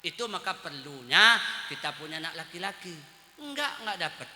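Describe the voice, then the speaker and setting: A male preacher with a Lampung Indonesian accent gives a humorous sermon. He swings between loud outbursts and low asides and acts out the voices he quotes. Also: animated, a little fast. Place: community gathering hall. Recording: echoey hall with long reverb.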